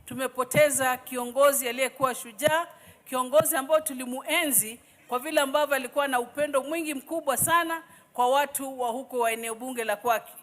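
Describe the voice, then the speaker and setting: A woman's voice: high-pitched, steady tone, a little fast, fairly bright tone. A woman with a Kenyan accent gives a formal condolence speech as a member of parliament. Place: parliament chamber.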